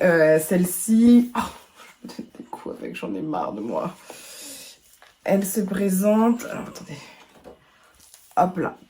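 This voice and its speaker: A woman beauty vlogger, hoarse from a sore throat, chatting casually to camera at home with lots of hesitations. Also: lowish voice, dark tone. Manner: chatty, rambling, many hesitations. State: hoarse from laryngitis. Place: at home indoors.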